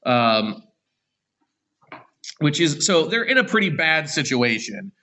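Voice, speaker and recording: Bright-voiced male teacher, halting. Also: fairly high pitch, sing-song. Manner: unscripted, many "uh" and "um" fillers, self-corrections. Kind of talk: online class lecture, summarizing a story.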